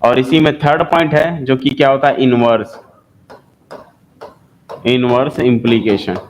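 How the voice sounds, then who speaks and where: A man's voice: mid-range voice, fairly even intonation, measured pace, a little hiss or hum, low-quality recording. A man with an Indian accent teaching a maths lesson, who repeats key terms and asks and answers his own questions. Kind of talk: classroom lecture.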